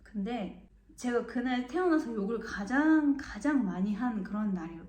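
A woman's voice: on the high side, normal speed. Young Korean woman telling a story animatedly. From Mokpo, South Korea. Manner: animated, acts out the people she quotes. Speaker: vlogger. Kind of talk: casual storytelling. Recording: echoey room.

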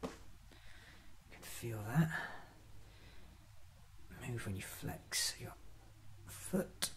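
Medium-pitched and sing-song, a man in his thirties delivers an ASMR roleplay monologue, frequently whispering and musing to himself in brief, halting phrases, with ambient noise in the background.

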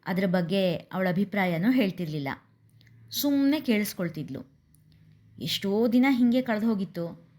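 A woman's voice: mid-range voice, expressive, moderate pace, long pauses, a little mellow, lightly acted. A woman doing a teasing sensible sister. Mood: reasoning. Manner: teasing, reasoning. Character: teasing sensible younger sister, middle-aged.

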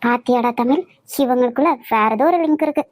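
A woman's voice: fairly high pitch, fast talker, no echo, natural voice. A woman voicing a spirited young woman in a cartoon, with a Kanyakumari Tamil accent. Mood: teasing. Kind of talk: cartoon voice acting.

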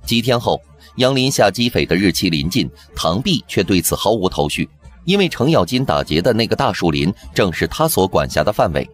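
A man narrating a TV drama recap in brisk scripted storytelling. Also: sits low, big pitch swings. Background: background music.

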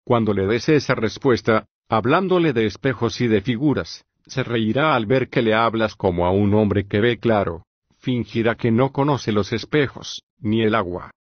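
Male reader as a questioning philosopher, audiobook, mid-pitched, unhurried. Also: no room sound, muffled recording, lightly acted.

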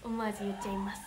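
Over some background noise, a young woman talks at a medium pitch with a Kansai Japanese accent. Casually chatting on her livestream as an idol, she goes through fan comments, giggling, bubbly, and easily flustered.

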